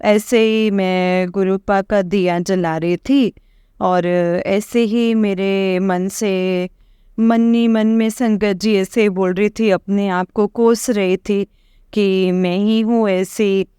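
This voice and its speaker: A woman recounts a devotional testimony in a slow, unhurried delivery. Her voice is smooth and clean and sits close and dry, with no room around it. She meanders and hesitates with fillers, often turning to address the gathered listeners. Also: medium pitch, steady tone, dark tone, dry recording. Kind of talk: rambling personal testimony to a congregation.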